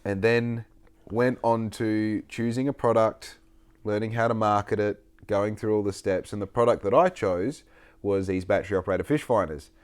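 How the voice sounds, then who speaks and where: A late-twenties Australian man hosts a casual podcast, telling rambling, sweary stories. His fairly low voice moves at normal speed and has a darkish, clear, resonant tone.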